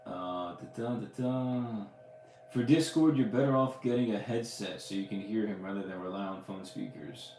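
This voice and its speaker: Low-voiced guy hosting a live chat, kinda rambly, lots of ums, roomy echo. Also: moderate pace, darkish tone, a little hiss or hum. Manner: loose, rambling, many fillers and restarts. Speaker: podcast host answering live questions. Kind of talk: casual livestream chat.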